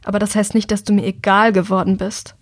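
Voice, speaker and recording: A woman's voice: mid-range voice, level tone, fast talker, no room sound, clean studio sound, natural voice. A woman narrator voicing a hurt, blunt young man who speaks emphatically. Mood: earnest.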